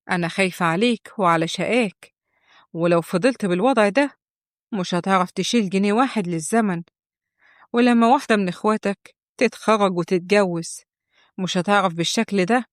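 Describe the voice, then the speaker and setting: A woman's voice: mid-range voice, brisk, no room sound, studio quality, lightly acted. A woman playing a nagging Egyptian mother-in-law. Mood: reproachful. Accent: Egyptian Arabic. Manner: scolding, guilt-tripping.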